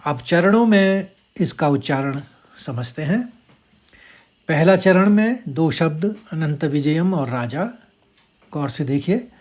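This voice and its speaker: Slow-chanting high-voiced man teaching Sanskrit. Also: a little mellow. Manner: slow drawn-out chanting alternating with quicker explanation. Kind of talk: explaining and chanting verse pronunciation.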